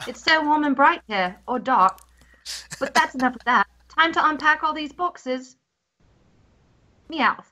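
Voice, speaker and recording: A woman's voice: sits high, sharp tone, full character voice. A woman voicing a cheerful, caring mother from a video game in a sweet, upbeat read. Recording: dull lo-fi sound.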